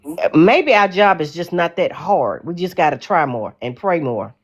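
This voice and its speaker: A woman in her forties with a Southern American accent calls in as a guest and rambles earnestly about her views in a casual chat. Her voice is on the low side, expressive and slightly breathy, at a normal speed.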